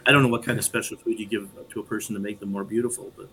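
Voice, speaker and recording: A man explaining a Bible story in casual discussion, thoughtful and halting with frequent restarts. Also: fairly low pitch, flat delivery, bright, forceful tone, slight background noise, poor audio. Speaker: podcast co-host and Bible teacher.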